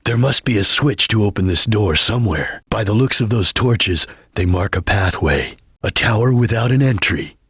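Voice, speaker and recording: Espio the Chameleon, husky stoic ninja. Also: male voice, fairly low pitch, expressive, moderate pace, few pauses, a bit bright, dry recording, studio quality, full character voice. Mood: grave, watchful. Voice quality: husky, gravelly. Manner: terse, solemn, guarded delivery. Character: stoic, watchful ninja chameleon, grave and duty-bound. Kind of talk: scripted video game voice lines.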